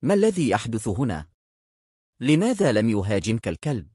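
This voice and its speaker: Storybook king, stern and commanding, hot-tempered, read by a male narrator; husky tone, lively pitch, dry close sound. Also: fairly quick, dry recording. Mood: stunned.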